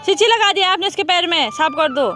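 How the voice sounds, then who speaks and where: A woman's voice: very high-pitched, expressive, brisk, music in the background. A young woman narrating a casual family vlog, often switching into coaxing baby talk with her toddler. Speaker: vlogger, mother.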